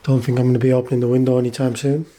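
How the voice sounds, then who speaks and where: A British man giving a casual, matter-of-fact vlog update in a low-key way. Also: little pitch movement, rapid-fire, mellow, slight background noise. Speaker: vlogger. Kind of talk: casual vlog talk to camera.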